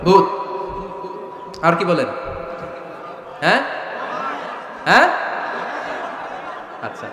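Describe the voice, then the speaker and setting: Man, waz sermon, animated storyteller, bright voice, long hall echo. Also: high-pitched, drawn-out words, pauses often. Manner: animated storytelling, asks the crowd questions. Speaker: preacher. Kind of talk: Bengali waz sermon to a crowd. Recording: echoey outdoor hall PA.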